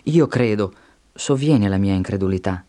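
A man voicing a desperate middle-aged father who pleads, a little higher than his plain reading. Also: lively intonation, moderate pace, dark tone, dry recording, lightly acted. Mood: pleading.

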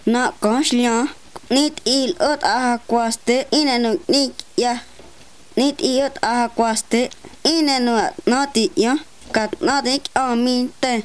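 Woman praying at church, slowish, kinda high voice, repeats lines like a chant. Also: clear, resonant tone. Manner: repetitive, chant-like phrasing. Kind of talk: religious talk and prayer.

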